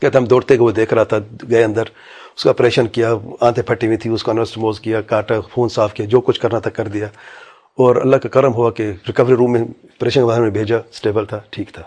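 A man's voice: medium pitch, flat delivery, darkish tone. A man preaching a religious talk, vividly retelling anecdotes and quoting each person in them. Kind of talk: religious talk with told stories.

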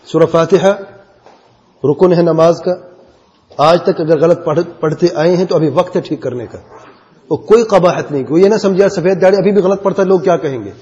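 Male class teacher, encouraging and explanatory, mellow and fairly high voice, dull recording with long hall reverb. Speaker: religious teacher.

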